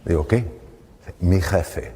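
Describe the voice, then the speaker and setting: A middle-aged man speaks as a doctor telling a story to an audience, taking on the voices of both people with pauses. His voice sits a little low. The sound carries a long hall reverb over faint room noise. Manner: lively anecdotes, acts out dialogue with pauses. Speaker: doctor giving a talk.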